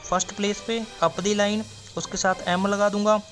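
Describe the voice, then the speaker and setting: A man's voice: sits high, flat delivery, normal speed, fairly bright tone, faint music behind. A man explaining a stenography lesson step by step, drawing out example words and answering his own questions. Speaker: stenography teacher. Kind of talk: classroom explanation.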